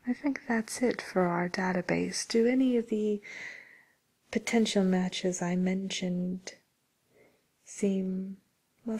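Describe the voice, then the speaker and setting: A woman voices a courteous matchmaker who serves villains in an ASMR roleplay, whispering softly with polite, hesitant patter. Her medium-pitched voice is creaky and slightly rough, and the performance is heavily acted.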